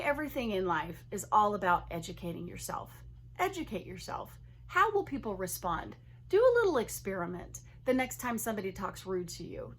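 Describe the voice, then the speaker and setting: A woman's voice: mid-range voice, slight background noise. A woman in her forties, a third grade teacher, talking earnestly and chattily to camera in a casual vlog, often repeating herself for emphasis.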